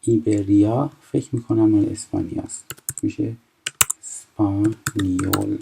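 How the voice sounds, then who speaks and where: A man in his twenties from Iran teaching a recorded French lesson, explaining step by step and reading French phrases slowly before translating them. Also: on the low side, creaky, mellow, a little hiss or hum, rough recording. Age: 20s.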